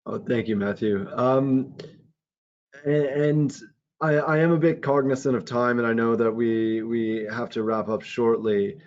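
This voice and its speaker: Canadian man moderating, halting questions. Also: medium pitch, a little mellow. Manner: halting, restarting questions with many ums. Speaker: webinar moderator. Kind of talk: online webinar discussion. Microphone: video call. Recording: dull lo-fi call audio.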